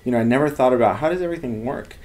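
Speaking very fast in a medium-pitched, slightly mellow voice, a lab head in his thirties from Los Angeles, United States, describes his work with earnest animation. The casual interview takes place indoors in an office with bookshelves, with slight background noise.

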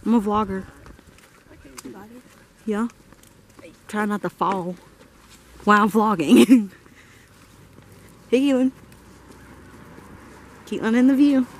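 A woman's voice: medium pitch, slow, pauses often, a little hiss or hum. A woman vlogging outdoors at a scenic overlook, chatting casually and teasing her companions while filming on a handheld phone. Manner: playful, teasing, giggly. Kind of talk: casual vlog chat.

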